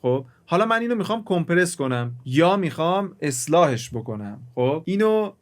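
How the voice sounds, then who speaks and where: A man's voice: fairly high pitch, sing-song. A man teaching music mixing in a casual, chatty way, talking straight to the viewer and explaining with everyday examples. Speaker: music production instructor. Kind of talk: casual screen-recorded tutorial.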